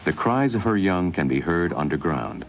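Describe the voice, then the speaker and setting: A man giving measured, scripted wildlife documentary narration, heard from a worn VHS tape copy. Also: low voice, sing-song, gravelly, slight background noise.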